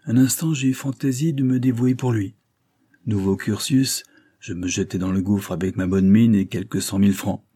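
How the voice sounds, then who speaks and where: A man voicing a sardonic, worldly young gentleman in a read-aloud novel, with a dry, ironic, measured delivery. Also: lowish voice, husky, no room sound. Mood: musing.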